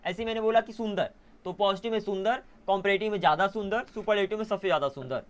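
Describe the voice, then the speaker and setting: A young man teaching an online English class in a casual way, often pausing to correct himself. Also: high-pitched. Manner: casual, self-correcting, mixes Hindi and English.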